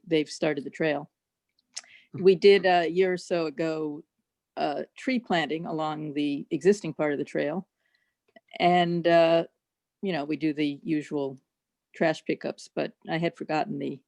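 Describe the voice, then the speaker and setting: A woman on a video call, lively as she reports her club's work. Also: sits low, creaky, no echo. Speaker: club member.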